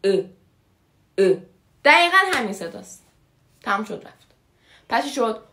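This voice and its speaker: A woman teaches Turkish vowel sounds in a relaxed, chatty video lesson, and her pitch sits a little high and moves about a lot. She repeats each sound over and over for the listener to copy. The voice rings with the echo of a bare room. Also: a little hiss or hum.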